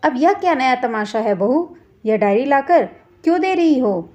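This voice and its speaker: A woman's voice: sits high, expressive, normal speed, darkish tone. A woman voicing a scolding older mother-in-law who taunts and accuses in a storybook tale. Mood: scornful.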